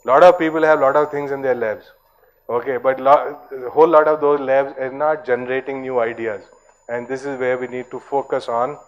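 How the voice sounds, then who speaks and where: A man's voice: medium pitch, steady tone, fairly quick, highs cut off. A man giving a conference talk in a loose, discursive way, full of fillers and asides. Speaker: conference speaker.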